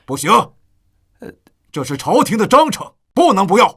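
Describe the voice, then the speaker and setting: An actor playing a commanding government official who gives firm, clipped orders. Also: male voice, sits high, big pitch swings, normal speed, fairly bright tone, husky, heavily acted.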